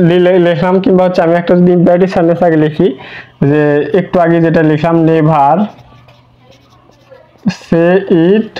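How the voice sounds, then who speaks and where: High-voiced man teaching grammar. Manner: explains slowly, repeats words and restarts, asks rhetorical questions. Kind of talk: online grammar lesson in Bengali. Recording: dull lo-fi recording.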